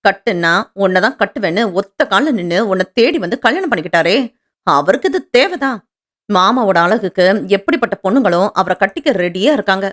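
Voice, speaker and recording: A woman voicing a sharp-tongued young sister who scolds briskly and insistently. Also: medium pitch, lively intonation, natural voice. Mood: scolding.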